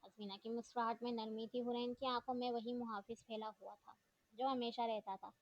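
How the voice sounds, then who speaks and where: A woman narrating a novel in a steady storytelling manner. Her voice sits a little high. The recording is dull, lo-fi and completely dry. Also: a little fast, dry recording. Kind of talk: reading a novel aloud.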